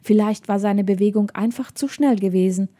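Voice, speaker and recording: A woman reading a children's story aloud in calm, even scripted narration. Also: medium pitch, moderate pace. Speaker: audiobook narrator.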